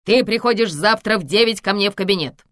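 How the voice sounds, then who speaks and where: A woman reading an audiobook voices an impatient male TV producer who shouts orders. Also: mid-range voice, a little fast, no room sound, studio quality, natural voice. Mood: scolding. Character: harried male TV news producer, bossy.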